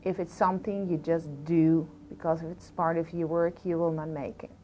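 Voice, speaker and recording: A woman's voice: low voice, level tone, normal speed, darkish tone, slight background noise. A woman from Aruba, a police deputy commissioner speaking passionately and conversationally in an interview, with frequent fillers.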